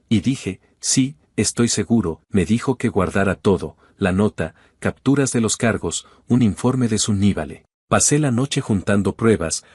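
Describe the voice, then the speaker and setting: Husky male storyteller, close and dry. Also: lowish voice, dry recording. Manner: steady, measured retelling. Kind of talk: first-person dramatic story narration.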